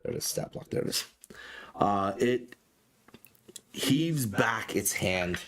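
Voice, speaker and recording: A man's voice: on the low side, expressive, slow, noisy background. A man running a tabletop game as dungeon master, narrating in a casual, stop-start way with frequent swearing.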